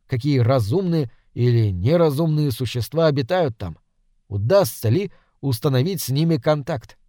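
A man's voice: medium pitch, normal speed, no echo, clean studio sound. Man reading a children's story. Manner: even, storytelling read-aloud. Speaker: narrator.

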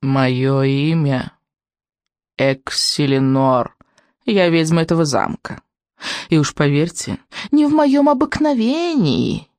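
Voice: medium pitch, expressive, slow pace, a little mellow, dry recording, studio quality. A reader voicing a spiteful, lying old witch with a crackling, hissing voice in an audiobook. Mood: scheming. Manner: hissing, theatrical. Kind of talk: audiobook reading.

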